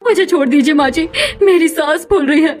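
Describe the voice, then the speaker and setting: A woman voicing a meek, mistreated young village wife in a cartoon story, gentle and pleading. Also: high-pitched, a little fast, natural voice.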